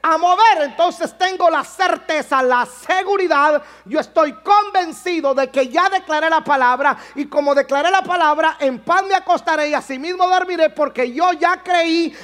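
A man with a strikingly high voice delivers a sermon as pastor. His preaching is emphatic and repetitive, and it swells into shouting at its peaks.

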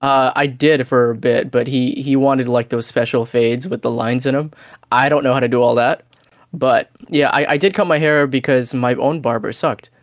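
A man's voice: mid-range voice, steady tone, moderate pace, no echo, clean studio sound. A young man chatting casually on a podcast, telling stories in a laid-back way with blunt asides. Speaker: podcast co-host. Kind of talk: casual chat.

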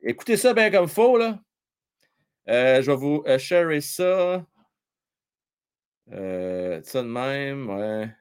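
A man's voice: mid-range voice, sing-song, slow pace, pauses often, clear, resonant tone. Chatty Quebec man hosting a hockey stream. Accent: Quebec French. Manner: chatty, jokey, reads viewer comments aloud, many fillers. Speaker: live-stream hockey host. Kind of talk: casual live-stream chat.

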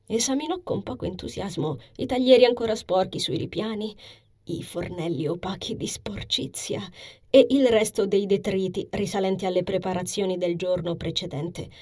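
A woman narrating a novel as a steady scripted reading, soft and hushed, sometimes sinking to a whisper. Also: mid-range voice, moderate pace. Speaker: audiobook narrator.

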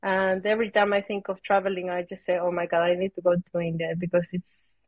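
A woman's voice: on the low side, flat delivery, fairly quick, dry recording. A woman from Peru speaking English with a Peruvian Spanish accent, a yoga teacher chatting as an interview guest, hesitant and searching for words. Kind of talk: casual interview chat.

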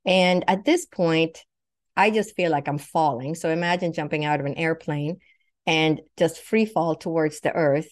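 Woman from Sweden, low voice, personal storytelling, acts out quoted lines. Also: normal speed. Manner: vivid, acts out quoted thoughts and speech. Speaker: guest.

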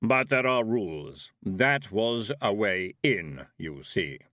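A man voicing Death, a calm, courteous skeletal reaper who speaks slowly and formally. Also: on the low side, no echo, studio quality. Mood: grave. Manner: slow, measured, formal.

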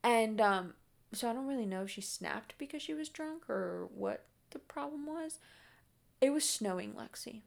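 A young woman vlogger telling a story in casual chat, animated, with lots of fillers and swearing. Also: fairly high pitch, moderate pace, creaky.

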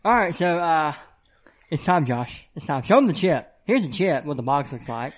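Excitable young man with a higher voice. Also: moderate pace. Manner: excitable, teasing, many fillers. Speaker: podcast co-host. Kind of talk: casual chat.

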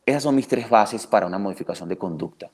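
A low-pitched man from Colombia, a dog trainer talking through his methods in a podcast interview. He speaks in long animated runs, trips over restarts, and acts out the voices of owners and dogs. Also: quick pace, husky. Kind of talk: podcast interview, explaining at length.

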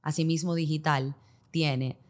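Dominican lady with a deep-ish voice explaining stuff on a podcast, spanglish, throws in english business words. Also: steady tone, measured pace. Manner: Spanglish, mixing English business terms into Spanish. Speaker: podcast guest, digital marketing expert. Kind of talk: explanatory interview talk with hypothetical examples.

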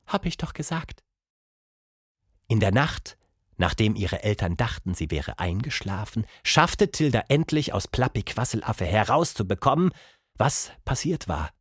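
A man narrating a children's story with an expressive reading manner. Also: fairly low pitch, moderate pace, husky, no echo, clean studio sound.

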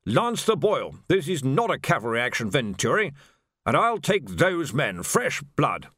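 A gruff old commander growls his scorn in slow, clipped phrases, as a narrator plays him. He is blunt and dismissive, and his voice rises and falls. The recording is dry. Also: fairly high pitch, sing-song, a bit bright, dry recording, voice pushed up. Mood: gruff, scornful. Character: blustering old male military lord.

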